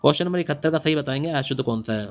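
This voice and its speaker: A man's voice: a little high, racing, highs cut off. Male exam-prep teacher, repetitive drilling delivery with a faint machine hiss in the background. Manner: repetitive, drilling answers with quiz-back questions. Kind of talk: exam-prep Hindi lesson. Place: classroom or home studio at night. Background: faint hiss of a machine running nearby.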